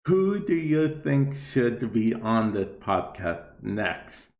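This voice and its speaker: A man's voice: mid-range voice, sing-song, takes it slowly, darkish tone. A man hosting a podcast, asking questions in an easygoing, casual way. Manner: easygoing, asks questions, laughs along. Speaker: podcast host. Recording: echoey room.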